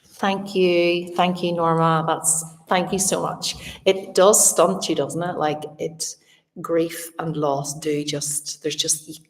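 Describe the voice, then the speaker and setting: A middle-aged woman with a slight slushy lisp from a retainer, chatting casually on a livestream in a reflective, halting way. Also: lowish voice, little pitch movement. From Northern Ireland. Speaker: artist and art teacher hosting a live Q&A. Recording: echoey room, distant from the mic.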